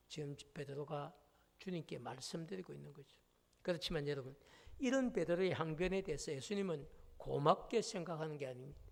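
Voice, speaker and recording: In a church sanctuary, a male pastor preaches a sermon in a slightly high voice with vocal fry. He is emphatic and throws many rhetorical questions at the congregation, and the church hall gives the recording a long reverb.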